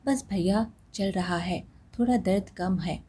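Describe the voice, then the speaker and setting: Storybook role: a mournful, gentle bedridden young husband, slow and husky, read by a woman. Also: medium pitch. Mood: sorrowful. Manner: sorrowful, pleading.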